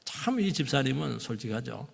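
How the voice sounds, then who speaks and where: A man preaching a sermon as pastor in a church, swinging between loud exclamations and hushed asides. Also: mid-range voice, very animated, normal speed, vocal fry, husky. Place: church sanctuary. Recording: long reverb of a church hall.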